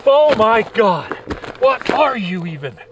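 A man's voice: sits high, big pitch swings, slow pace, recorded from a distance, noisy background. A man hosting an outdoors video, talking on a frozen lake, exclaiming in disbelief and swearing as he lands a fish. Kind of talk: excited outdoor commentary.

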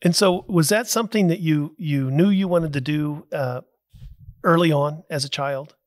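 An older man hosts an interview from a small studio, speaking in a measured way. His voice is a little high for a man, and the recording is dry and close, with almost no room sound. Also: dry recording. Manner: measured, many "uh" fillers. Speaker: podcast host. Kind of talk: interview conversation. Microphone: studio mic with headphones.

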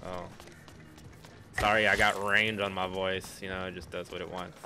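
Low-voiced male gaming streamer. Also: little pitch movement, normal speed, sharp tone, slight background noise. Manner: joking, slangy banter with a friend. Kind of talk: casual gaming chat.

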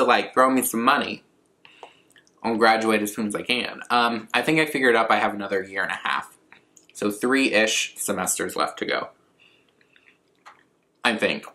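Bright-voiced young man chatting casually. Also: medium pitch, a little hiss or hum. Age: 20s. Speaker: vlogger answering viewer questions. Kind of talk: casual rambling chat to camera. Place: living room at a coffee table, indoors.

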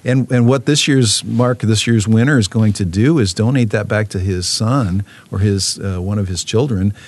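A man's voice: lowish voice, moderate pace, darkish tone. A man, a fishing program manager, talking casually in an interview, with many fillers and restarts.

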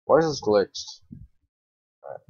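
A young gaming video creator with a fairly low voice chats casually while he plays, grumbling informally and swearing a lot. His delivery is sing-song, unhurried and a little mellow. The audio is dry and close with no echo, captured on a dull, lo-fi mic.

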